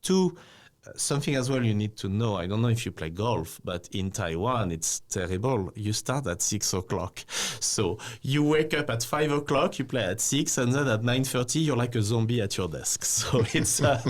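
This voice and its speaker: A man from France, speaking as a bank executive guest in a casual interview, animated and peppered with "you know". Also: medium pitch, moderate pace. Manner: animated, slightly non-native phrasing, frequent "you know".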